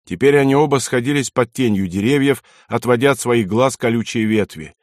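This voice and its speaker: Measured male audiobook narrator. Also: medium pitch, no echo, studio quality. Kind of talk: scripted narration.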